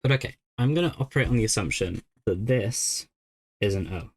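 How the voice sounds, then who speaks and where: A young man with a lowish, brisk voice streams a game, chatting casually in live-stream style and thinking aloud as he works through a puzzle.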